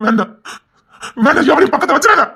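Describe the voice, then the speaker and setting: A performer voicing a devoted young husband who swears loyalty to his crying wife and scolds others loudly, in a Tamil romance audio drama. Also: sits high, animated, fast talker, creaky, exaggerated voice. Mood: pleading, scolding.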